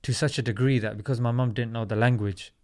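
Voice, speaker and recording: A man's voice: medium pitch, steady tone, fast talker. A man in his thirties from South London, a podcast guest telling his story in an earnest, reflective way. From South London, England. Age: 30s. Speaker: podcast guest, comedy YouTuber. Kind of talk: casual interview talk.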